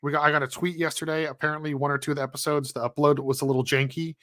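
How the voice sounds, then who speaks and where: A man co-hosting a casual gaming podcast, chatty and animated, who laughs easily while plugging the show. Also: on the high side, rapid-fire, no echo, clean studio sound. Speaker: podcast co-host.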